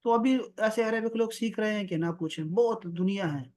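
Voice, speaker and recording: A man's voice: high-pitched, darkish tone. Man teaching over a video call. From Pakistan. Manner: explanatory, repeats words slowly for the student. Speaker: Arabic teacher. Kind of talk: online one-on-one language lesson.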